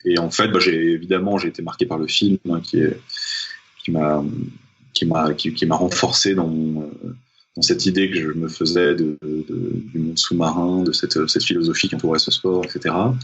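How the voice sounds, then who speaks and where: A young man from Paris with a deep, husky voice talks hesitantly in a relaxed interview, circling back over his words and filling pauses. The sound is dull and lo-fi, like a remote call. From Paris, France. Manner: hesitant, many fillers and restarts. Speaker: guest, freediving champion. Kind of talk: casual interview talk.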